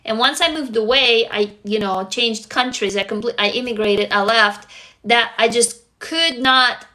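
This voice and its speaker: A livestream host from Russia, young and Russian by first language, goes through viewer comments in an earnest, blunt manner with casual swearing. She speaks unhurriedly in a fairly high, pushed and bright voice.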